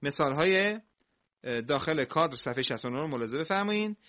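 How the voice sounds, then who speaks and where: Lively bright-voiced male reading teacher. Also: on the high side. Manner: explains briskly, drawls example words slowly for repetition. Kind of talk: recitation lesson. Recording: muffled lo-fi audio.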